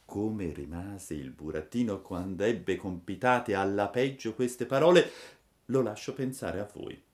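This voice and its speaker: A man reading a classic children's story aloud with expressive, dramatic narration. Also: on the low side, unhurried.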